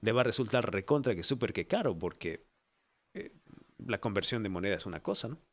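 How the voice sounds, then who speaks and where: A man's voice: lowish voice, animated, a little fast. Man, Ecuadorian accent, interview host, talkative, rambling, lots of fillers. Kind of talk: online interview chat.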